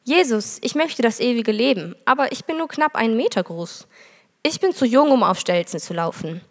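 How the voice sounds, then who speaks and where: A woman voicing a small, earnest little girl who is a bit fearful, in a raised childlike pitch, in a sermon. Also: expressive, moderate pace, in a large hall. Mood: pleading.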